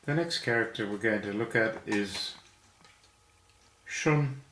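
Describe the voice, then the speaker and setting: A man's voice: lowish voice, normal speed, bright, forceful tone, echoey room. A man teaching Chinese character strokes, patiently explaining each one step by step. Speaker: language teacher. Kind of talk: calligraphy lesson, step by step.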